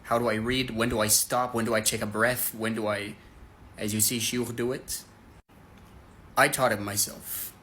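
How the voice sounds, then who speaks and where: A man's voice: mid-range voice, pushed and bright, a little hiss or hum. A man giving an earnest, direct religious lesson, speaking plainly to his listeners and stopping now and then to demonstrate recitation. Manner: breaks into melodic Quran recitation to demonstrate. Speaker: Islamic teacher. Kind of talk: casual religious teaching to camera.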